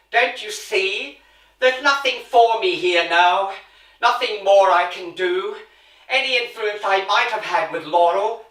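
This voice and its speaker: Man doing a tired haunted guy on the run, slow quiet talk, echoey and far off. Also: high-pitched, heavily acted. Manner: slow, quiet, deliberate and troubled. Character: haunted older man, a convicted murderer, weary. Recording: roomy echo, distant mic.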